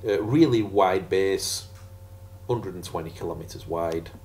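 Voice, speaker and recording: A man's voice: low-pitched, measured pace, a little mellow. A man teaching a casual geography revision lesson over slides, chatty and jokey with sarcastic asides.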